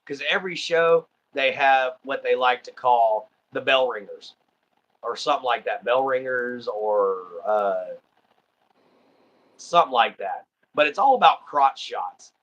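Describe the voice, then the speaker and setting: Easygoing and rambling, this Southeast Texas man hosts a livestream in casual chat loaded with ums and uhs, speaking with a Texan accent. His mid-range voice is unhurried and fairly bright, though the audio is dull.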